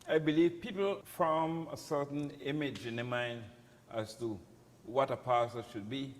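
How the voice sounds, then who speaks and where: Crucian-accented pastor in a reverberant hall. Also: male voice, medium pitch, steady tone, a little slow. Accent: Crucian, Virgin Islands. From St. Croix, Virgin Islands. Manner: down-to-earth, informal. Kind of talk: candid personal talk. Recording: reverberant hall with background noise.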